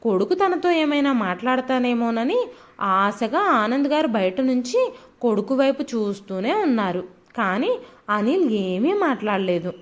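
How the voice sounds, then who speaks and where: A woman narrates an audio storybook with lots of expression. Her voice is high and moves around a lot in pitch. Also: a little slow. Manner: expressive, lively.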